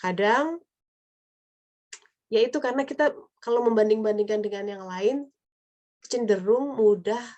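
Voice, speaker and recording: A woman's voice: fairly high pitch, unhurried, pauses often, a little mellow, dull audio. A woman leading an online religious study talk in a conversational way, slipping in English phrases.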